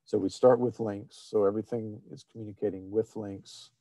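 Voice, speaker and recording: Halting man presenting a technical webinar. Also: lowish voice, fairly even intonation, warm tone, no room sound. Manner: halting, many fillers and restarts. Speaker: presenter of an online technical seminar. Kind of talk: screen-shared webinar presentation.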